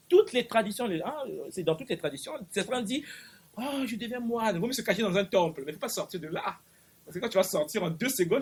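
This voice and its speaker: A man giving a spiritual lecture at a conference, animated, acting out little dialogues and repeating himself. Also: sits high. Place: conference in Paris.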